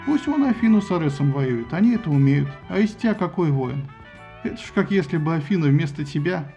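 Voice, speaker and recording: A man's voice: a little high, lively intonation, a little fast, vocal fry, mellow, lo-fi sound, soft background music. A man voicing an amused, teasing ruler of the gods. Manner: chuckling, teasing. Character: amused ruling god, older man, jovial.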